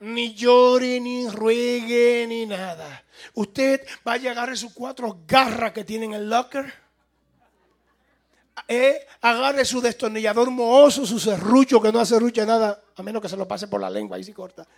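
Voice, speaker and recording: Fervent high-voiced man preaching a sermon. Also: steady tone, unhurried, gravelly. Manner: emphatic preaching with call-and-response and acted-out quotes. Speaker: pastor. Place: church sanctuary.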